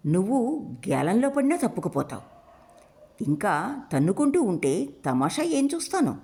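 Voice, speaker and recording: A woman narrator voicing a proud, wounded young woman who lashes out with sharp, scornful outbursts in an audiobook. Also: mid-range voice, sing-song, normal speed, pitched above the performer's own voice. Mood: indignant. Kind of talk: audiobook character voice.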